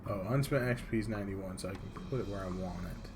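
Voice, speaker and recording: A man's voice: low voice, quick pace, noisy background. A man reading a video game aloud in casual playthrough narration. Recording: music playing behind the voice. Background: game music with guitar.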